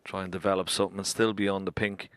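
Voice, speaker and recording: A man giving snooker commentary in short, measured observations between shots. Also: deep voice, little pitch movement, fairly bright tone, clean tone, no room sound.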